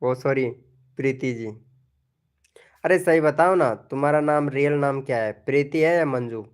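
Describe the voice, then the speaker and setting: A man's voice: medium pitch, normal speed, clean tone. A man hosting a casual live stream, playfully teasing viewers as he reads their messages. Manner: playful, teasing, chuckling often.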